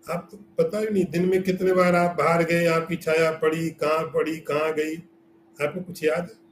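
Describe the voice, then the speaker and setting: Man, spiritual teacher, scriptural lecture, rhetorical questions, fairly high voice, echoey room. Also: level tone, moderate pace, slight background noise. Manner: explains with everyday examples and rhetorical questions.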